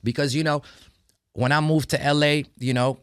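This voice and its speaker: A man's voice: on the high side, fairly even intonation, normal speed, clear, resonant tone, no echo, clean studio sound. A young man from the Netherlands, a rapper chatting casually in an interview with a laid-back manner. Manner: laid-back, lots of "you know what I'm saying". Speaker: rapper, guest.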